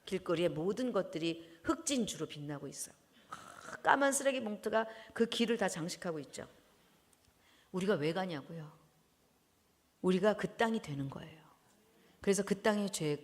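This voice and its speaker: A woman preaching a sermon in a church, animated, often laughing and breaking into loud exclamations. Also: fairly low pitch, normal speed. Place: church hall. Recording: long church hall reverb.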